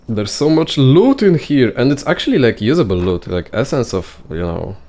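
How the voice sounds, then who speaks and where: A young man giving casual gameplay commentary, thinking out loud in a rambling way and filling his talk with "like". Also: medium pitch, very animated, measured pace. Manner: heavy use of "like" fillers.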